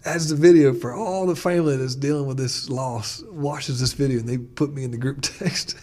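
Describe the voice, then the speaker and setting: A man who is a pastor, telling stories in a casual chat and getting animated when he retells dialogue. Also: mid-range voice, normal speed. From United States. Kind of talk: casual conversation, storytelling.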